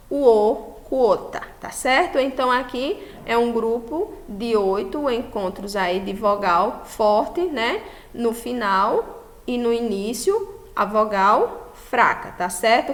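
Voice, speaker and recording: A Brazilian woman teacher giving a recorded class, explaining slowly and patiently and often checking that students follow. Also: on the high side, a bit bright. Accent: Brazilian Portuguese. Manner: slow, patient explaining with frequent checks for understanding. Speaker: school teacher.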